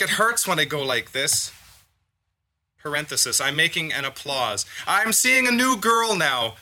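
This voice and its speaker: A man performing a comic spoken-word poem at a live reading, theatrical and swinging between loud and soft. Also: fairly high pitch. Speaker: performance poet.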